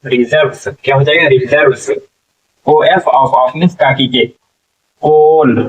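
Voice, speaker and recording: A man's voice: mid-range voice, normal speed, a bit bright, distant mic, highs cut off. A man teaching English reading to learners, spelling words out letter by letter and often checking in with "ठीक है". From India. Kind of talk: slow spelling-out classroom lesson.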